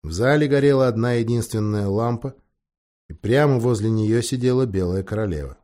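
A man narrating a fairy tale audiobook with expressive, dramatic storytelling. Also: mid-range voice, fairly quick.

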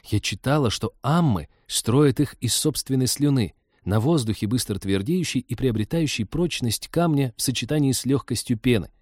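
A man's voice: mid-range voice, expressive, normal speed, a little mellow, dry recording, studio quality, voice pushed up, lightly acted. A man voicing a curious, impulsive young woman space traveler who talks with eager wonder.

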